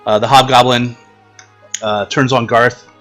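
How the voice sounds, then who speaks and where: A man's voice: medium pitch, fairly even intonation, unhurried, a bit bright. Male game master narrating, music behind. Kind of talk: narrating a tabletop role-playing game.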